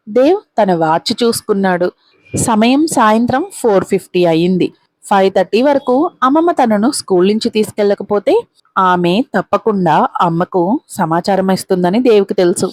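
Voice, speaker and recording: Female storyteller for a serialized audio drama, steady and dramatic, mid-pitched, dry close sound. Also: dry recording. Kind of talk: scripted audio-story narration.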